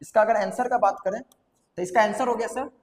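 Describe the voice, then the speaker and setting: A man with a high, steady voice speaks at a normal speed while teaching a math lesson in class. He works like a coaching teacher, repeating key terms and quizzing students out loud. The room is echoey, with long reverb.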